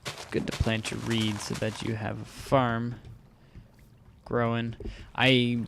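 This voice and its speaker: A man's voice: medium pitch, completely flat delivery, slow, creaky. A young man hosting a gaming video, rambling casually through gameplay commentary and often correcting himself mid-sentence on a desktop mic at home. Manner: rambling, self-correcting, chatty. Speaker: gaming channel host. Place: home room with a fan running. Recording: faint background fan noise.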